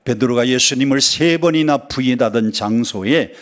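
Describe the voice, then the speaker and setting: A man preaching a sermon in a church, telling stories with sudden high exclamations and dialect jokes. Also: normal speed. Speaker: pastor. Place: church sanctuary.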